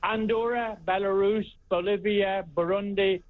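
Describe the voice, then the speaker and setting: Male radio show caller, Northern Irish accent, raised pitch, insistent and argumentative, muffled narrow phone audio. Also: fairly even intonation, a little slow, no echo. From Northern Ireland. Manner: indignant, insistent, repeats himself. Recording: dull narrow-band phone line.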